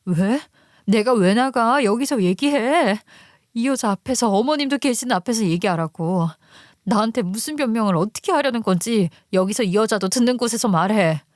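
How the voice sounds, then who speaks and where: A woman's voice: fairly high pitch, lively intonation, moderate pace, dry recording, studio quality, lightly acted. A woman voicing a suspicious, furious wife who demands answers from her husband. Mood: shocked. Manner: sharp, demanding, agitated.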